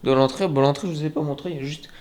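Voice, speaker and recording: A man's voice: a little high, steady tone, racing, darkish tone. Chatty young man giving a home tour. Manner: chatty, joking, many fillers. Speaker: vlogger. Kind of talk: casual apartment tour vlog. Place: indoors and on a balcony.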